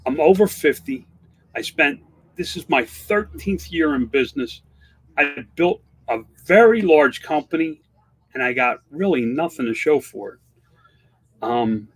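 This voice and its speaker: A man in his fifties chatting candidly on a livestream, rambling through restarts and fillers while answering viewer comments. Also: on the high side. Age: 50s. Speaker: online seller and livestream host. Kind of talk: casual livestream chat reading viewer comments.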